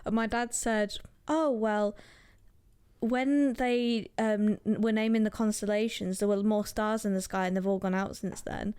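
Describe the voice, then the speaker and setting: A woman's voice: medium pitch, steady tone, a little slow, darkish tone, smooth. A woman co-hosting a casual podcast, a playful storyteller who likes making silly noises. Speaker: podcast co-host. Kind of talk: casual chat.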